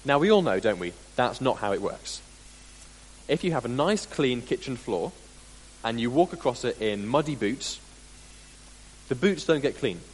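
A man preaching a sermon as dramatic storytelling, deliberate and full of pauses, with sudden drops into quiet, in a large hall. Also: mid-range voice, big pitch swings, breathy edge. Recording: long hall reverb, faint hum.

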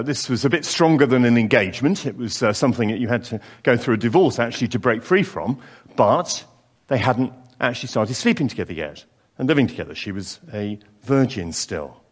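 Male preacher, earnest and expressive sermon, lively pitch movement. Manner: earnest, expressive delivery with pauses and emphatic repetitions.

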